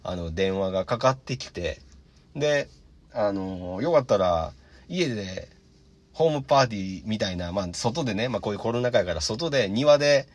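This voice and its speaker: A man with a Kansai Japanese accent hosting a podcast, telling a casual story and acting out the quotes with lively energy. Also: on the low side, moderate pace. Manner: lively, animated retelling with acted-out quotes. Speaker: podcast host.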